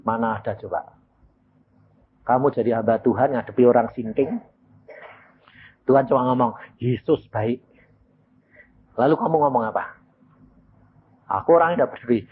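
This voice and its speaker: A man's voice: fairly quick, long pauses, narrow, tinny audio, slight background noise. An older man preaching a sermon, telling stories with lots of energy and acting out the voices of the people in them. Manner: animated storytelling, acting out quoted voices, jumps high in pitch; mixes Javanese words into Indonesian, calls the congregation "saudara".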